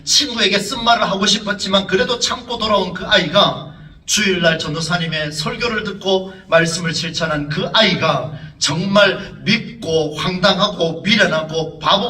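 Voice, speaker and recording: A man's voice: a little high, sharp tone, recorded from a distance, a little hiss or hum. A man, a pastor, preaching earnestly and dramatically in church, with rhetorical questions to the congregation. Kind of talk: sermon. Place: church sanctuary. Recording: echoey church, voice from off the mic.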